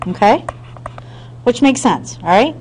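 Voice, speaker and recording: A woman math teacher with a somewhat high, lively voice, a little mellow with a breathy edge, walks through a screen-recorded lesson at an unhurried pace. She explains patiently step by step, speaks directly to her students and checks in with them often. The recording quality is rough.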